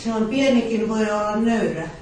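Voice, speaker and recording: A man's voice: sits high, a little mellow. A man in the congregation, answering the preacher's questions aloud. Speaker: congregation member. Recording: distant, very echoey hall with faint ambience.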